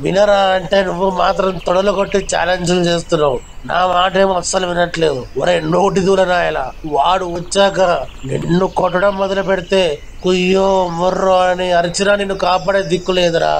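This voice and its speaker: A man's voice: high voice, steady tone, fairly quick, gravelly, a little hiss or hum. A man voicing a worried male zombie sidekick in a cartoon, scolding and pleading with his reckless friend. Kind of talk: cartoon voice acting.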